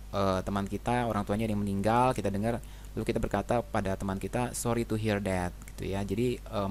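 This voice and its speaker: A man with a somewhat low voice explains everyday phrases as a teacher. He talks in an easygoing, chatty way and keeps checking in with his listeners. A faint hum sits underneath. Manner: relaxed, conversational, frequent tag questions. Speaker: English teacher. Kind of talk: casual explanatory lesson.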